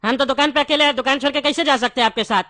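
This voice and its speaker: A woman's voice: sits high, sharp tone, no room sound. A woman voicing a chatty, wary male candy shopkeeper in a cartoon. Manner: chatty, wary, quick to take offence. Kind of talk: cartoon voice acting.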